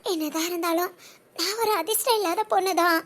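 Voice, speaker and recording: A woman's voice: expressive, a little fast, fairly bright tone. A woman voicing a young wife in a family audio drama, lamenting and self-pitying in a girlish voice. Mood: gloomy. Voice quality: very high, girlish voice.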